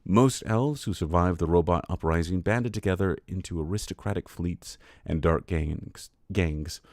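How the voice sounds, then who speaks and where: Low-voiced tired man streaming. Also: moderate pace, darkish tone, no room sound, clean studio sound. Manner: laughs often, easily sidetracked. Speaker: streamer host. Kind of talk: casual livestream chat and lore reading.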